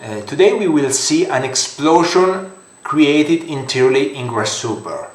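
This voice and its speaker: Italian-accented man, software tutorial narrator, unhurried halting delivery, roomy echo. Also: fairly high pitch, expressive, slight background noise. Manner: halting non-native English with many fillers. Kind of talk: screen-recorded software tutorial. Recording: roomy echoey home room.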